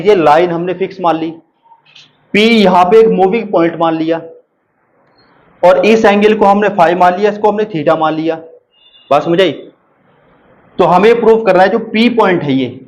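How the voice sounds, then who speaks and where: A man's voice: high-pitched, darkish tone, rough recording. A man teaching a maths lesson, repeating each step and asking and answering his own questions. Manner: reads English problem text slowly and deliberately. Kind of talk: board lesson explaining proofs.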